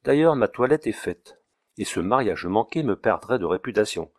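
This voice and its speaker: A man's voice: on the low side, lively intonation, moderate pace, no echo, studio quality, natural voice. A man reading a vain young society bride. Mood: indignant.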